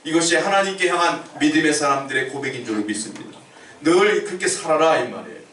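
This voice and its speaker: A Korean pastor preaches from some distance off the microphone, his fairly high voice ringing through the church room. He talks in a conversational way and keeps asking the congregation questions, then answers them himself. A faint background hiss sits under the sermon. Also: lively intonation, quick pace, a bit bright, roomy sound. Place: church sanctuary.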